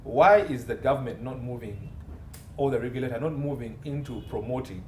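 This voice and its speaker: A Ugandan man, an entertainment and media law consultant, is an interview guest who explains his points emphatically and sets them out as lists. His voice is medium-pitched, brisk and somewhat dark. The recording has a roomy echo and faint background noise.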